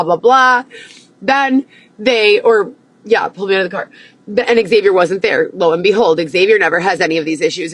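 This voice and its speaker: A woman livestreaming a profane, agitated monologue that at times rises close to yelling. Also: medium pitch, no room sound. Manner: agitated, swearing, rising to near yelling.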